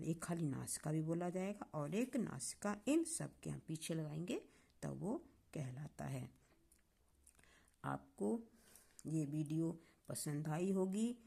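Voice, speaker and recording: This woman's voice is deep and mellow, with vocal fry and a breathy edge. She teaches grammar online with patience, pronouncing syllables slowly and quizzing her class.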